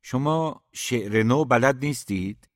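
A man's voice: mid-range voice, no echo, clean studio sound, pitched above the performer's own voice, natural voice. Man voicing a polite, distracted young man.

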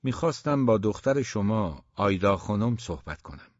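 A man reading the part of a polite, smiling young man who has come courting, speaking smoothly and courteously. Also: lowish voice, lively intonation, no room sound, highs cut off.

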